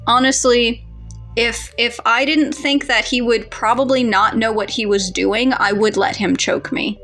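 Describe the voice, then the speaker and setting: A giggly young woman chatting casually on a podcast, her voice sitting a little high. She often breaks into laughter mid-sentence. Faint music runs underneath. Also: fairly even intonation, measured pace, fairly bright tone. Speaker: co-host ranking her fictional crushes.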